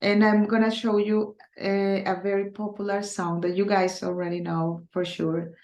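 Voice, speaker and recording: A Colombian woman whose native language is Spanish teaches a recorded online Spanish class in English, her Colombian accent clear throughout. Her medium-pitched, level, slightly mellow voice echoes in the room as she deliberately speaks slowly, hesitating often and using many fillers in a casual style.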